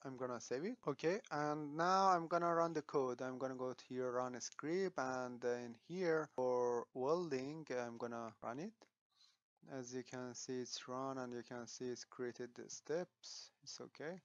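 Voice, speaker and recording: A man walks through a software tutorial, pausing on fillers and restarting sentences as he thinks aloud. His voice is smooth and mid-pitched. It is recorded dry and a little dull. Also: no echo.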